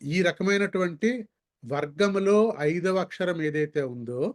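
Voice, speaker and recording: A man leads an online language class, his voice sitting a little high. He drags out syllables and repeats words slowly so learners can copy the sounds. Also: lively intonation. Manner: slow, careful demonstration of sounds. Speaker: Sanskrit teacher.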